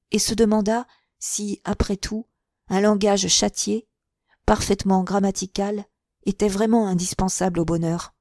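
This audiobook narration of a classic novel comes from a woman with a medium-pitched voice, recorded dry and close to the mic. She reads in a clear, expressive, measured way.

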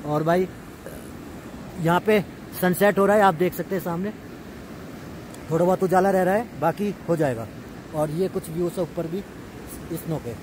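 Outdoors at a riverside campsite, a man from India hosts a casual camping vlog in a fairly high voice. He chats informally, addressing viewers as friends, while a loud rushing river fills the noisy recording.

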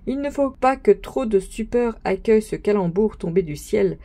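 A woman's voice: mid-range voice, lively intonation, moderate pace, warm tone. A woman voicing a pompous young male student who lectures his friends in a grand, sermonizing manner, read as an audiobook. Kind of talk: audiobook reading.

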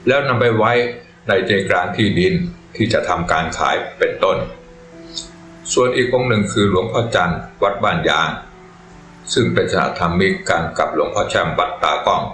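Low-voiced guy telling a monk's life story slow and reverent, roomy echo, soft music under it. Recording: echoey room with faint music. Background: faint music.

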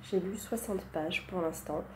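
A woman's voice: fairly low pitch, a little slow, noisy background. A woman chatting casually about books on her vlog, hesitant and full of fillers, often slipping into a near-whisper. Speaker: book vlogger. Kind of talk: casual book chat.

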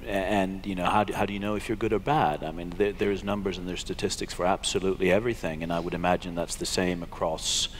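A man's voice: low-pitched, steady tone, quick pace, few pauses, a little hiss or hum. A middle-aged man on a conference panel who repeats words as he starts his points. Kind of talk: panel discussion. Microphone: headset.

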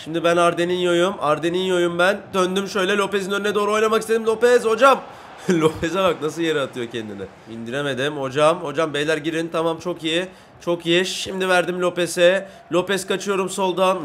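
A young man with a high-pitched voice talks his way through a football video game as he plays it. He boasts about his own moves, complains when teammates don't pass to him, and breaks into shouts and sing-song chants at goals. Faint background noise sits under the recording. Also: steady tone, fairly quick. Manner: brags and grumbles at teammates. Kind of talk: live gameplay commentary.

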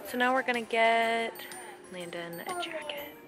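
A woman's voice: fairly high pitch, very animated, measured pace, music in the background. A woman vlogging casually as a mother, chatty and gushing over cute clothes, often dropping to a whisper in a store. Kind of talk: casual family vlog. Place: store, indoors.

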